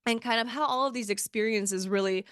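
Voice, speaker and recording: A woman hosting a podcast, moving from a polished, formal introduction to relaxed conversational questions. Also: a little high, fairly quick, clear, resonant tone, dry recording, studio quality. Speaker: podcast host. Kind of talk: scripted intro and interview questions.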